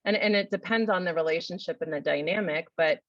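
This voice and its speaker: A woman's voice: on the low side, quick pace, no room sound, highs cut off. A woman psychologist answering questions in a webinar, thoughtful, with many "you know" fillers. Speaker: psychologist guest speaker.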